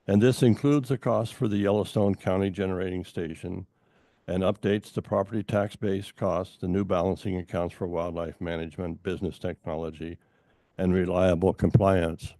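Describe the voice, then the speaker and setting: An older man speaks at a public hearing in a very low, gravelly voice with a dark tone. He halts often, filling gaps with fillers and restarting phrases. The sound is dry and close. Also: fairly even intonation, dry recording. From Montana. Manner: halting, many fillers and restarts. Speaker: public commenter at a utility hearing. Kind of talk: formal public testimony.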